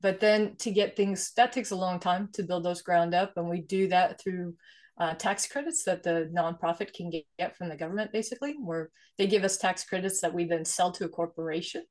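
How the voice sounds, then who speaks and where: A woman in her forties, originally from Sweden, speaks in a somewhat low voice. She explains things earnestly and conversationally, often tagging her points with "right?". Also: fairly even intonation, fairly quick, darkish tone. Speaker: guest, investor and nonprofit founder. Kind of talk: conversational interview.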